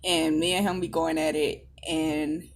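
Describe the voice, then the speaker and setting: A woman's voice: low-pitched, little pitch movement, measured pace, gravelly. A woman chatting casually as she reacts to a video, telling rambling stories. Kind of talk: casual commentary.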